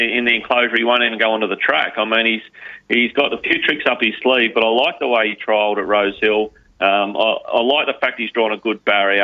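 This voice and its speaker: Deep-voiced man giving racing tips. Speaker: racing tipster. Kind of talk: horse racing preview commentary on a podcast. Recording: slightly muffled, lo-fi audio.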